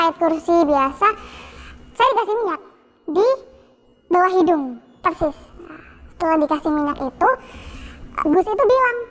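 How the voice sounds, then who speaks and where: A young woman guest telling her own story in a halting, repetitive way with many fillers. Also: very high-pitched. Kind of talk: personal testimony.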